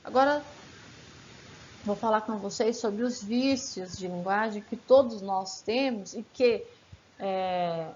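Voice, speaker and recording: A woman's voice: medium pitch, slow, a little mellow. Woman teaching grammar, chatty and questioning. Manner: conversational, frequent "né" and "tá" tags, asks rhetorical questions. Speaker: Portuguese teacher. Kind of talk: informal grammar lesson. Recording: slightly muffled, faint background hiss.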